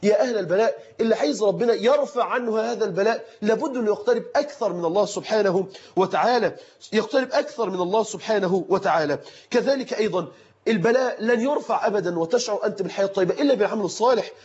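A man preaching a sermon with an Egyptian accent, fervent and emphatic, repeating his phrases for force and rising at times to shouts. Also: high-pitched, rapid-fire. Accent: Egyptian Arabic. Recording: dull lo-fi recording.

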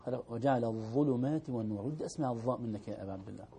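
Male recitation teacher: quick explainer who models verses slowly, mellow voice. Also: mid-range voice, gravelly, slight background noise.

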